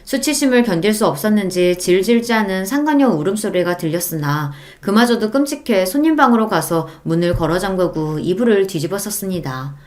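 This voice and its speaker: A woman's voice: mid-range voice, lively intonation, brisk, few pauses. Woman reading a story audiobook, indignant and emphatic, first person. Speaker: audiobook narrator.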